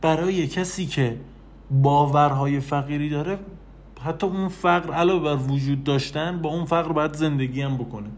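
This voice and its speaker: A man giving an animated motivational talk, speaking straight to the listener and repeating phrases for emphasis. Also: on the high side. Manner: animated, repetitive, addresses listener directly. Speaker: self-help speaker.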